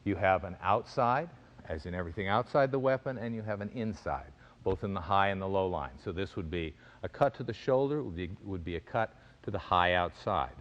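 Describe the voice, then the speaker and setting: A man giving an instructional fencing demonstration, explaining in a measured way and calling out crisp, clipped commands as an instructor. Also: sits low, lively intonation, dull audio. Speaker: fencing and self-defense instructor.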